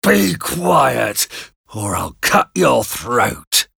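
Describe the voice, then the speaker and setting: A man's voice: mid-range voice, very animated, extremely slow, gravelly, bright, forceful tone, husky, no room sound, pitched above the performer's own voice, heavily acted. Menacing convict, harsh barked orders, read by a male narrator; dry sound.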